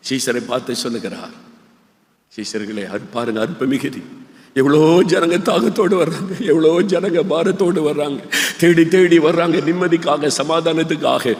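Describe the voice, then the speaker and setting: An older man, preaching a sermon that swings from hushed storytelling to high shouted appeals. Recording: echoey hall.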